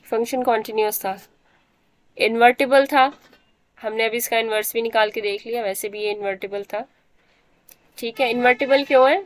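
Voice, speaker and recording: A woman's voice: a little high, fairly even intonation, normal speed, long pauses. A woman teacher giving a math lecture, explaining step by step and often checking that the students understand.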